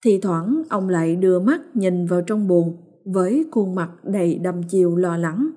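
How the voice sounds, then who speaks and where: Woman reading a ghost story, warm mellow voice, steady pace. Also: lowish voice, normal speed, husky. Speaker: narrator. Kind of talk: scripted horror story narration.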